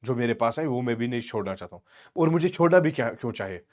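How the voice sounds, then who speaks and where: Guy putting on a smug older dad, soft and sugary while he talks down. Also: medium pitch, expressive, fast, voice pushed down, natural voice. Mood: patronizing. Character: older father, smooth condescending landowner.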